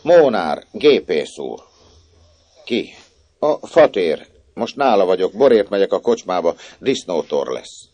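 A man's voice: low-pitched, sing-song, a little mellow, dry recording, pitched above the performer's own voice. A man voicing a shy, simple little orphan girl in a story reading. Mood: plain.

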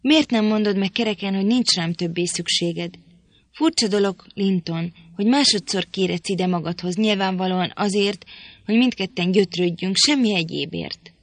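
A woman's voice: medium pitch, dry recording, natural voice. A woman reading the part of a proud, impatient young woman who scolds irritably in an audiobook. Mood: scolding.

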